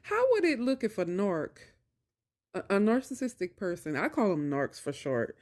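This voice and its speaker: This video creator addresses her audience about narcissistic abuse in a mid-range, sing-song voice with a darkish tone and moderate pace. Speaking casually and colloquially, she shares a personal story, stressing points emphatically by repeating phrases.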